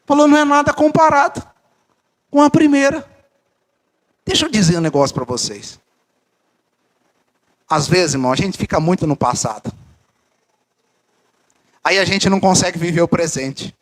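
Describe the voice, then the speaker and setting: A man's voice: high voice, very animated, moderate pace, pauses often. A man preaching a fervent sermon to a church congregation, addressing them as brothers, his voice swinging up and down. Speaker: pastor. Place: church service.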